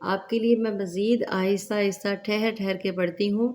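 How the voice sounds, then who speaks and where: With a medium-pitched, steady and slightly mellow voice, a woman teaches Quran recitation in a tajweed lesson, deliberately explaining rules between drawn-out recited words. A slight hiss or hum is audible.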